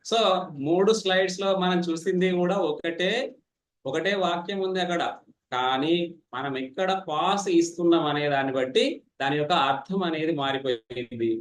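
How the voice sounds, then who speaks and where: A man, teaching public speaking in an online class, fast and animated, teasing participants. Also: a little high, reverberant. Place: online meeting.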